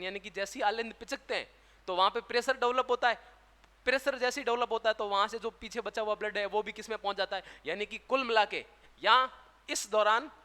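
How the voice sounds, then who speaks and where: A man with a very high, bright voice lectures with a Rajasthani Hindi accent, asking a question and then answering it himself. His voice rings out with a long reverb, like a big lecture hall. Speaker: teacher. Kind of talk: classroom lecture.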